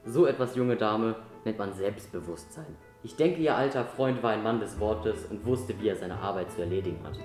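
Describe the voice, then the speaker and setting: A man's voice: lowish voice, normal speed, hardly any pauses, darkish tone, natural voice. A man playing a smug arrogant con man. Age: young adult. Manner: smug, condescending, mocking. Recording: echoey room with music behind.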